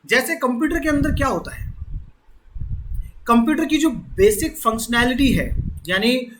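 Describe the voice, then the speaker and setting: Explaining each step and repeating key words, an Indian man teaches reasoning in an exam-prep lecture. His voice is very high-pitched and a bit bright, at normal speed. The low-quality recording carries slight background noise.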